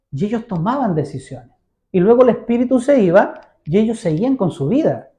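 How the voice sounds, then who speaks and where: A man's voice: high-pitched, dark tone. A man preaching a sermon in a church. He speaks conversationally, keeps asking his listeners questions and acts out the voices of the people in his stories. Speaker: pastor.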